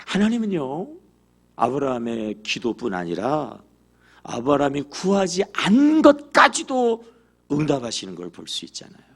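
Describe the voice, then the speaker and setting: Animated male pastor with a gravelly voice. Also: medium pitch, moderate pace. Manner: animated, acts out quoted prayers and dialogue; asks the congregation questions. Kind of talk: sermon. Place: church sanctuary.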